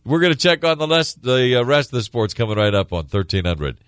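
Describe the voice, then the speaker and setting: A man's voice: mid-range voice, very animated, a little fast, a bit bright, clean tone, dry recording, clean studio sound. A male radio sports host bantering casually and cheerfully with a colleague.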